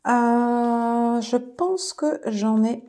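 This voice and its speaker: A woman giving a casual tarot reading to her viewers, soft-spoken and peppered with fillers like "voilà" and "alors". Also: fairly high pitch, drawn-out words, slight background noise. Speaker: tarot reader.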